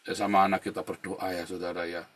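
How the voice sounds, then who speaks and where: A middle-aged male pastor giving an informal, chatty sermon, telling stories, often addressing listeners as brothers and sisters, and rising to loud indignant emphasis. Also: sits low, little pitch movement, fast. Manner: chatty storytelling, often adds "saudara ya".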